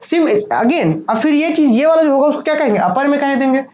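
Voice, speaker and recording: A woman's voice: high voice, lively intonation, a little fast. A woman teaching a maths lecture, patient and repeating each point, mixing English terms into her talk. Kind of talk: classroom lecture. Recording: dull lo-fi sound with faint noise.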